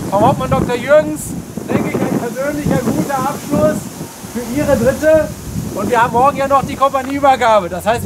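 High-pitched male officer addressing troops. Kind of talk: formal military address to troops. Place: outdoors on a paved square before troops. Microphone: camera mic a few steps behind. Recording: noisy outdoor recording with crowd.

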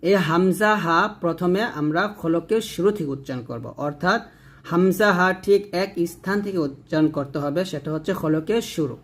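A man, teaching Quran reading slowly, drawing out each letter name and then explaining how it is said. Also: fairly high pitch. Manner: drawn-out letter names, then plain explaining. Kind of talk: slow step-by-step recitation lesson.

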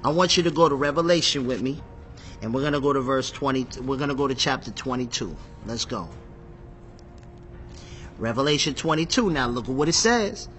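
A man teaching from the Bible in an excitable, emphatic way, repeating phrases and reading scripture aloud while seated. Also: medium pitch, a little fast, faint music behind. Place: seated in a chair.

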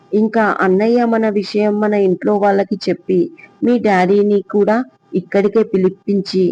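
A man's voice: high voice, creaky, warm tone, highs cut off. A man voicing a tender, reassuring young man in love in an audio story.

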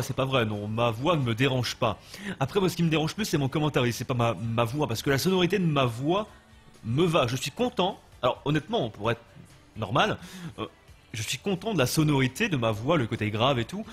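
A gaming livestreamer, a young man with a French accent, offers loose, chatty live commentary as he plays and answers his chat. His voice is mid-range and husky.

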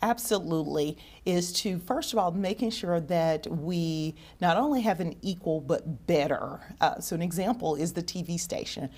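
A middle-aged woman, a school district official, answering interview questions in a measured way with some fillers, recorded in a school TV studio. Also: fairly low pitch, a little mellow. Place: school TV studio with bookshelf set.

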